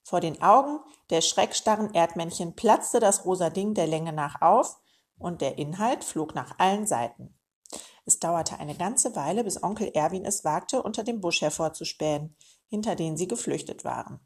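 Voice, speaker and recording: A woman reading a children's storybook aloud in a lively way, speaking directly to young listeners. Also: fairly low pitch, moderate pace, slightly rough.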